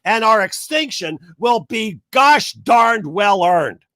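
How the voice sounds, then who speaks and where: A middle-aged man with a fairly high voice tells a story to camera in a loose, ranting way. He acts out the people he quotes. The sound is dry and close. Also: animated, takes it slowly, pushed and bright, dry recording. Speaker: vlogger telling a story. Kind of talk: casual rant to camera.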